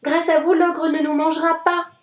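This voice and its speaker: Tiny boy, very high and eager, thankful, voiced by a woman. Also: flat delivery, normal speed, reverberant. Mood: grateful. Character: grateful tiny boy freed from a cage.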